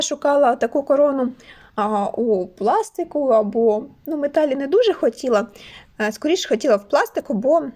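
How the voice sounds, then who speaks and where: A woman's voice: high-pitched, darkish tone. Cheerful Ukrainian woman chatting about crochet. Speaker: crochet toy maker vlogger. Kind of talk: casual show-and-tell chat.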